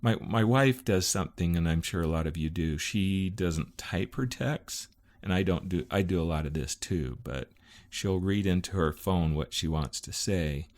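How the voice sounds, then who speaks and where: A middle-aged man with a very low, deep voice talks easily with his co-host. He pauses and restarts often as he works through what he wants to say. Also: darkish tone. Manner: easygoing, halting with fillers and restarts. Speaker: podcast co-host. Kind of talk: casual chat.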